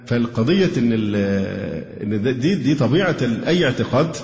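Fast-talking Egyptian man lecturing. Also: mid-range voice, animated, a little mellow. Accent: Egyptian Arabic. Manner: explanatory, asks rhetorical questions and answers them. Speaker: Islamic lecturer. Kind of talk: religious lecture. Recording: echoey hall, dull lo-fi sound.

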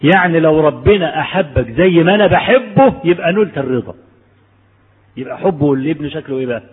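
A man's voice: a little high, expressive, fast, breathy edge, phone-quality sound. Man, Egyptian Arabic accent, preacher, storytelling sermon, rhetorical questions, long hall reverb. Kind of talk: conversational sermon.

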